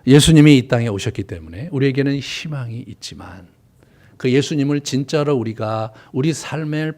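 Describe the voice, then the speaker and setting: A male pastor preaching a sermon, swinging from loud emphasis to hushed whispers. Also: mid-range voice. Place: church sanctuary.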